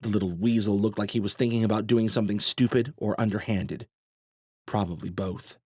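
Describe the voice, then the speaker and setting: A man narrating a novel in a steady, measured way. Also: fairly low pitch, slightly rough, dry recording, clean studio sound. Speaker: audiobook narrator. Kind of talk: scripted narration.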